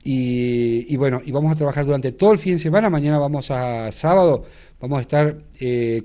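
An older man talks into a handheld reporter mic for a local news segment. His voice sits somewhat high for a man, and he explains his church's event at length, stopping often to restart sentences with fillers. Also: warm tone. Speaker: church leader. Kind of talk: TV news interview. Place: indoors in front of a studio backdrop.

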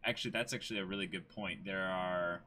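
A man in his twenties streams from a small indoor room with a backdrop, hosting a manga dramatic reading and chatting casually while reading aloud jokingly and repeating short phrases. His low voice moves quickly with fairly even intonation, over a loud crowd.

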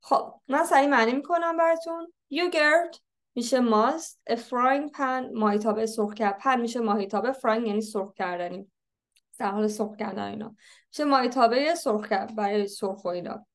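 A woman teaching an English textbook lesson, reading English lines slowly and explaining them quickly. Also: fairly high pitch. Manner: switches between slow read-aloud English and quick explanations.

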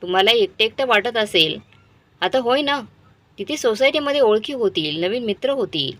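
A grown elder son, persuasive and evasive, hurrying to win his parents over, read by a woman storyteller. His voice moves lively in pitch. It is an emotional storybook reading. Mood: persuading. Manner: pleading, hurried.

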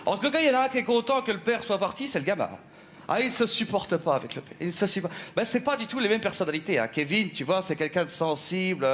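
A man's voice: sits high, animated, fast talker, a bit bright, slight background noise. A man playing a chatty, gossiping middle-aged housewife in a stage comedy sketch, rambling and full of asides. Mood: gossipy.

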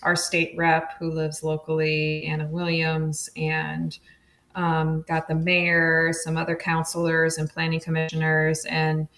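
A woman's voice: sits low, monotone, a little slow, fairly bright tone, roomy sound. Chatty woman laughing between fillers. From Oregon, USA. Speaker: podcast guest, street-safety advocate. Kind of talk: casual interview chat.

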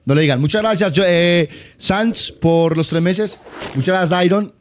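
Young colombian paisa dude streaming from home, fired up and cussing, kinda high voice. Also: male voice, moderate pace, a little hiss or hum. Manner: excitable, swears a lot, teasing. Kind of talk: casual live-stream chat.

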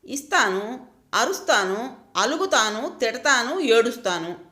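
A woman's voice: fairly high pitch, big pitch swings, a little slow, sharp tone, echoey room, full character voice. Woman reading a resigned, reasoning wife. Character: hurt but composed married woman.

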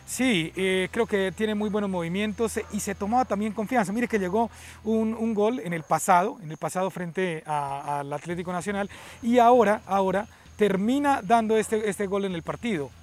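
A man's voice: high-pitched, normal speed. A Colombian man co-hosting a football discussion outdoors, often repeating words and phrases as he analyses. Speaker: sports show co-host and analyst. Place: outdoors at night. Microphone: lapel mic, speaking through face mask.

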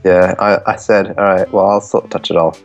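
Gravelly, low man. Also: steady tone, moderate pace, lo-fi sound, faint music behind. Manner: dry, teasing banter. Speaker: let's play co-host. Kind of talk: casual gameplay chat.

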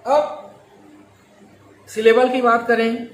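A male teacher explaining English grammar slowly, repeating key words and drawing out his examples. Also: very high-pitched, level tone. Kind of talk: grammar lesson. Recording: echoey room with faint ambient noise.

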